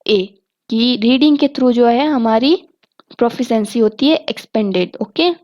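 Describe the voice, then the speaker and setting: A woman's voice: fairly high pitch, a little slow, darkish tone, dull audio. A woman teacher with a Hindi accent reads multiple-choice exam questions and their options aloud, then explains the answers, often saying "okay" between points. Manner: often says "ठीक है" and "okay" as fillers.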